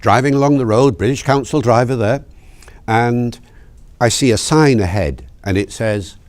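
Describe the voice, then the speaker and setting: A man, a language lecturer, explaining things in an interview with lively anecdotes. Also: mid-range voice, measured pace.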